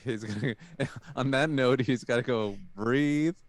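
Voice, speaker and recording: A man's voice: medium pitch, a little slow. A man co-hosting a casual movie review podcast, needling his co-host and laughing often.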